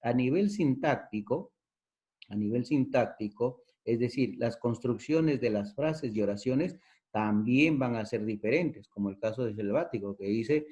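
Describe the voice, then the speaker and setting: A man's voice: mid-range voice, unhurried, warm tone. A man with a Peruvian accent teaching a lesson, explaining step by step, repeating key terms and checking in with the listener. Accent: Peruvian Spanish. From Peru. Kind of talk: recorded lesson. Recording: dull lo-fi recording.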